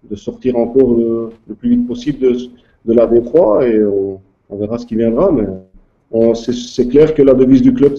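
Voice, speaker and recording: A man's voice: medium pitch, muffled recording. A man, a club official answering interview questions hesitantly, with many fillers. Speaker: guest, youth club president.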